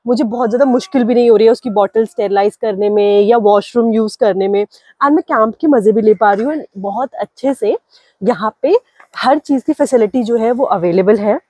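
Holding her phone at arm's length, a young woman in her twenties records a cheerful travel vlog at a hillside campsite outdoors, chatting in Hindi sprinkled with English. Her voice is a little high, darkish, and slightly rough, with no echo.

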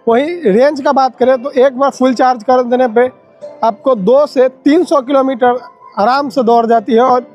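A man's voice: extremely high pitch, fairly even intonation, moderate pace, darkish tone, dull audio, soft background music. A young man from Bihar, India, vlogging a walkaround of vehicles at an outdoor expo and chatting to viewers as brother, recorded on a handheld phone. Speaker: auto vlogger. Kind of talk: walkaround vehicle review vlog. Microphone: phone camera at arm's length.

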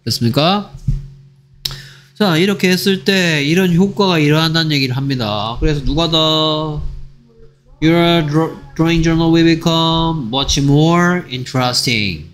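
A man giving an exam-prep English lecture, firing off quick rhetorical questions and switching between Korean explanation and read-aloud English sentences. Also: a little high, slight background noise. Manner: drills with rapid rhetorical questions. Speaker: English teacher.

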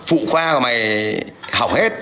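A man's voice: mid-range voice, expressive, moderate pace. A man ranting aggressively on a livestream, taunting and coarse as he addresses viewers and an absent rival. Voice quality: gravelly. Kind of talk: livestream rant.

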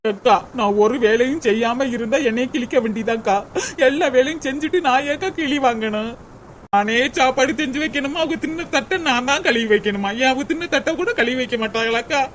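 A woman's voice: high-pitched, a little fast, a little hiss or hum, natural voice. A woman doing a plaintive young daughter-in-law. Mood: complaining. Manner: plaintive, complaining. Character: young put-upon village daughter-in-law. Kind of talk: cartoon comedy voice acting.

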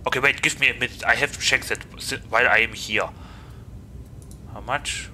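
A man's voice: mid-range voice, fairly even intonation, brisk, sharp tone, a little hiss or hum. A man with a German accent streaming a game, chatting playfully and getting flustered easily. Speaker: VTuber streamer. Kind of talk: casual gaming stream chat.

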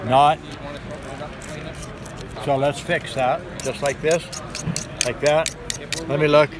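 A middle-aged man giving a knife-sharpening sales demo at a gun show, talking in steady instructive patter and repeating simple tips. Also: fairly high pitch, slow. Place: busy indoor gun show hall. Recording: noisy crowded show floor. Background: crowd chatter.

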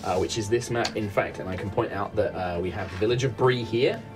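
A middle-aged man narrating a tabletop game as game master in a halting, conversational, descriptive way. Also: lowish voice, over music.

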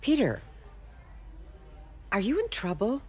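A woman playing a caring, gently prying older aunt in a video game. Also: a little high, wildly swooping pitch, takes it slowly, breathy edge, exaggerated voice. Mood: concerned, coaxing. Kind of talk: naturalistic cinematic game acting.

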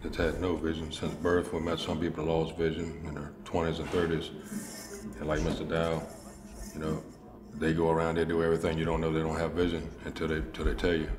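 A man's voice: very deep voice, monotone, fairly quick. An older man telling his own experience plainly in an interview, recorded in an echoey room with music behind. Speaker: rehabilitation client. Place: indoor room at a table.

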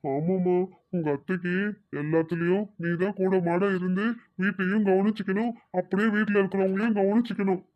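A worried mother in a puppet-show story, earnest and pleading, speaking in an even, flat tone, voiced by a woman. The recording sounds slightly dull and muffled. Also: mid-range voice, brisk, close to an everyday voice. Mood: advising.

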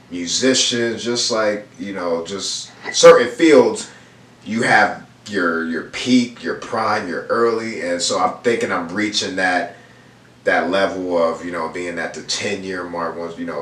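Seated on a leather couch indoors, a Houston-raised painter in his thirties is interviewed as a guest, talking in a relaxed, slangy style loaded with fillers. His low-pitched voice sounds a bit bright and is recorded from a distance, slightly off mic, with a roomy echo and faint room noise.

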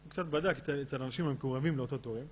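A man, a rabbi, telling a story in a sermon and acting out his characters' dialogue in a lively way. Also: mid-range voice. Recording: dull lo-fi recording with faint hum.

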